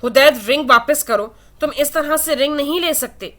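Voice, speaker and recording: A woman's voice: a little high, lively intonation, a bit bright. A woman voicing Aila, an emotional young woman who is defiant and pleading, in a read-aloud romance novel. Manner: defiant, then tearful and pleading.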